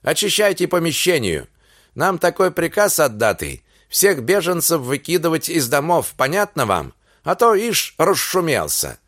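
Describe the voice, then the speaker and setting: A man voicing a rough, threatening Cossack soldier who shouts his orders in an audiobook reading. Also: fairly high pitch, wildly swooping pitch, moderate pace, dry recording, clean studio sound, pitched above the performer's own voice, heavily acted. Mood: shouting. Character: rough loud armed Cossack soldier, male.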